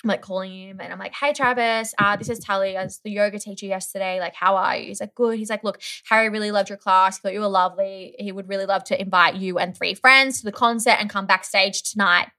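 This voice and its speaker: A woman's voice: mid-range voice, fast, few pauses. A young woman chatting casually as a guest, telling a story animatedly with lots of "like" and acted-out voices. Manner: animated storyteller, many "like"s, acts out others' voices. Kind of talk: casual chat.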